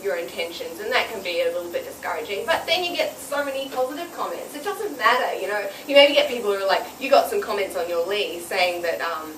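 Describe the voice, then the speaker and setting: A woman's voice: mid-range voice, expressive, fast talker, few pauses, a bit bright. A young woman with a New Zealand accent, chatting as a cosplayer guest in an interview, bubbly and laughing often. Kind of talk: casual interview chat. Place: outdoor public gardens. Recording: roomy, distant outdoor mic with noise.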